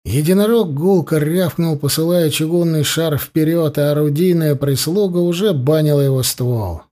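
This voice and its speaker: A man reading a novel aloud as an audiobook narrator, in steady storytelling and voicing the sound effects himself. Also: fairly high pitch, normal speed. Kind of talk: scripted narration of a war novel.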